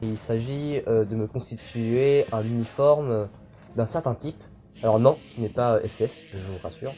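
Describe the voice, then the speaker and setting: Over background music, a YouTuber unboxes militaria in a casual, hesitant manner full of fillers. The young man's mid-range voice is warm and moderately paced.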